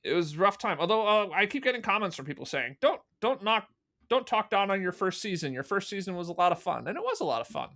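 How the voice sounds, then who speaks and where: A fan audio drama producer appears as a guest in a casual interview chat, speaking self-deprecatingly. His high voice is sing-song, quick, creaky, and sharp in tone.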